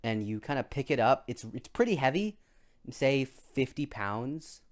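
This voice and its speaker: Halting young man game master. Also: mid-range voice, very animated. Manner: halting, many restarts and fillers. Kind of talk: narrating a tabletop game.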